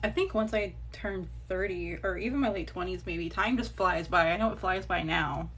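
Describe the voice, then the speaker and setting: A woman in her thirties chats casually while crafting on a TikTok livestream from her phone, rambling between stories and small laughs and letting the odd swear word slip. Her voice is on the low side and a bit bright, at normal speed, with slight background noise.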